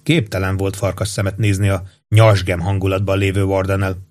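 A man narrating a novel as an audiobook, in a steady, even storytelling manner. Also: sits low.

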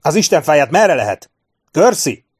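A man voicing a commanding male officer who shouts urgent orders in battle. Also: on the high side, very animated, breathy edge, no echo, clean studio sound, pitched above the performer's own voice. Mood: shouting orders.

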